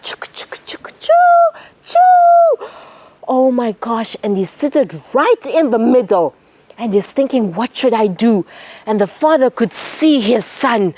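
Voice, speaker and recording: A woman with a Zimbabwean accent telling a story to children, expressive and talking directly to them. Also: a little high, no room sound. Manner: expressive, speaks directly to the kids.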